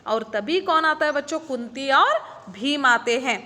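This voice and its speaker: A woman's voice: sits high, lively intonation, a little slow, sharp tone, in a large hall. A woman teacher, telling children a story and asking them questions. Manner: explains and asks the children questions.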